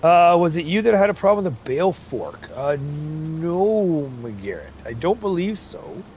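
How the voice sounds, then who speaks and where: This man's voice is fairly high and a little mellow, with big pitch swings and a measured pace, over slight background noise. He hosts a casual farming game stream, chatting, laughing often, and reading chat aloud. He has English, Irish, Scottish, Ukrainian and Romanian ancestry.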